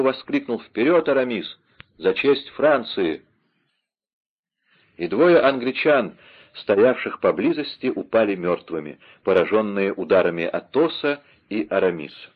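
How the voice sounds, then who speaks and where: A man narrating an adventure novel aloud in a dramatic, lively reading style, on a slightly dull recording. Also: mid-range voice. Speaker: audiobook narrator. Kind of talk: scripted narration.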